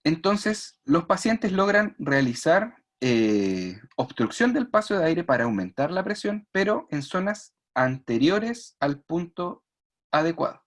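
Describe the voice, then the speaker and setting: A man's voice: a little high, big pitch swings, unhurried. A man giving an online speech therapy lecture, explaining patiently, demonstrating sounds and checking "¿ya?" often. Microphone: video call.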